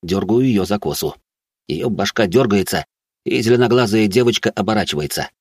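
A man narrating a first-person fantasy audiobook in a low-key, wry way. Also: lively intonation, brisk, breathy edge, no echo, studio quality.

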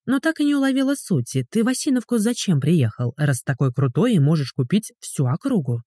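A narrator voicing a sharp-tongued, quarrelsome young woman who mocks a man in an audiobook. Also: fairly low pitch, big pitch swings, fairly quick, dry recording, studio quality. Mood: sarcastic. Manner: sarcastic, mocking. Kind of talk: audiobook character voice.

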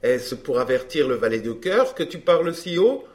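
A man reading a glib, self-assured gentleman in an audiobook dialogue, smooth and bantering. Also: a little high, big pitch swings, moderate pace.

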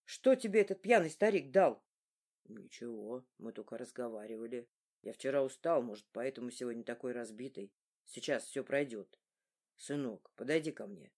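A woman voicing a weary, injured young father who speaks low and hushed. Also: expressive, moderate pace, full character voice. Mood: tired.

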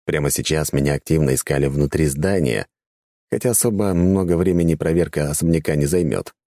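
Male audiobook narrator, very deep, dark mellow tone, calm storytelling, dry close studio sound. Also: fairly quick, no echo. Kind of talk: scripted fantasy narration.

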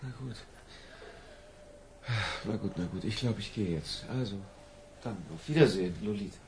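An actor playing a lovesick middle-aged professor in a radio drama, hesitant, pleading and given to theatrical declaiming. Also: male voice, on the low side, moderate pace, heavy background noise, lightly acted. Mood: weary, pleading. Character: lovesick, feverish older professor, pleading and florid.

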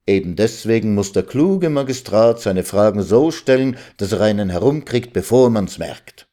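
A man reading aloud, voicing a know-it-all village lawyer who lectures slowly and condescendingly. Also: fairly low pitch, animated, warm tone, natural voice. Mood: lecturing. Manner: lecturing, drawn-out.

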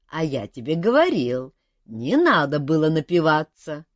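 A woman's voice: low voice, very animated, unhurried, dry recording, clean studio sound, heavily acted. A woman voicing a sly, teasing young man who mocks his friend. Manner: teasing, wry. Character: mocking young male adventurer, sly joker.

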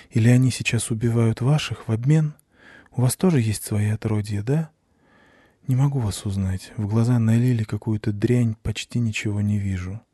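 A man reading the lines of a tormented teenage girl in an audiobook, in a quiet, dull, weary voice. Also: medium pitch, husky, no room sound, studio quality, pitched above the performer's own voice, lightly acted. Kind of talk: audiobook narration.

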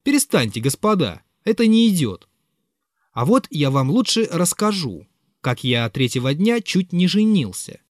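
A man reading an audiobook, voicing a haughty, condescending young officer who shouts down quarrels. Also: fairly high pitch, sing-song, moderate pace, no room sound, clean studio sound, pitched above the performer's own voice. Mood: domineering. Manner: loud commanding outbursts.

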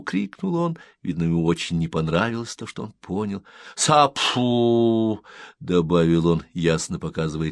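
A man narrating an audiobook in measured, storytelling style. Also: sits low, no echo, studio quality. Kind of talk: scripted narration.

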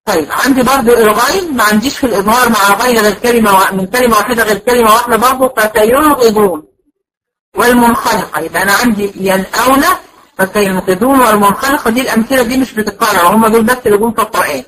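A woman's voice: fairly high pitch, fairly bright tone, low-quality recording. Patient Egyptian woman teacher. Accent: Egyptian Arabic. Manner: patient and explanatory, drawing out example words slowly. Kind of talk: recorded lecture to a class.

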